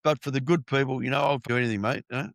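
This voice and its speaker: A man's voice: mid-range voice, steady tone, rapid-fire, creaky, no echo, studio quality. Blunt, sweary Australian man hosting. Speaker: podcast host. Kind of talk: casual interview chat.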